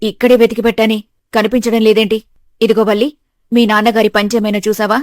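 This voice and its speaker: Brief: sharp-tongued mother-in-law, voiced by a woman, loud and scolding, storybook. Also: fairly high pitch, flat delivery, fast, no echo, clean studio sound, lightly acted. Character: harsh middle-aged mother-in-law.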